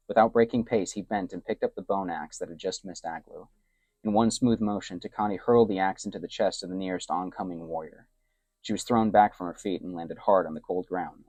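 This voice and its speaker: A man with a very low, deep voice reads an adventure tale in a soft, hushed storytelling manner. His voice sits close and dry, with almost no room sound around it. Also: dry recording. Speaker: narrator. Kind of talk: soft-spoken story narration.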